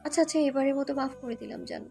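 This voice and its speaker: A woman's voice: sits high, soft background music, close to an everyday voice. A woman voicing a playful, teasing young wife in a romantic audio story. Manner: teasing, quick and sharp-tongued.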